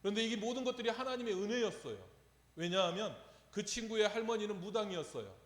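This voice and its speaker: A man's voice: high voice, animated, quick pace. A man preaching a sermon, telling a story and asking the congregation rhetorical questions. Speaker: pastor. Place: church sanctuary. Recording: echoey church hall with long reverb.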